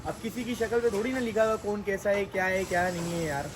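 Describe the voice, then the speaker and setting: A man with a Karachi Urdu accent lectures his children in a casual family vlog. His voice sits high for a man, and he keeps up a scolding, warning tone. A faint background hiss runs under his talk. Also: fast. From Pakistan. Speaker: vlogger and father.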